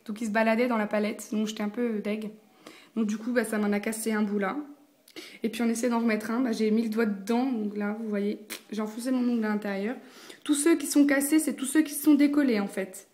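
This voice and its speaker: Young girl doing a makeup haul, slightly high voice, casual slangy rambling. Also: fairly even intonation, a little fast, darkish tone. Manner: chatty, many "euh" fillers, casual slang. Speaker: beauty vlogger. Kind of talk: casual product review.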